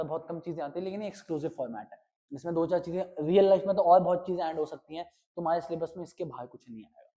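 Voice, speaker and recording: A slightly hoarse man teaching an accountancy class, who asks questions and answers them himself. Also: on the high side, long reverb tail. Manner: animated, asks and answers his own questions. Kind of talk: online class lecture.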